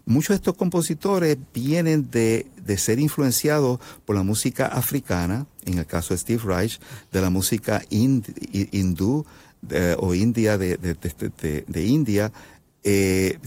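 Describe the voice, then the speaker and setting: A man's voice: on the low side, normal speed, mellow. A man from Puerto Rico with a Puerto Rican Spanish accent, a composer guest on a radio interview, explaining at length with frequent fillers and restarts. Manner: thoughtful, many fillers and restarts.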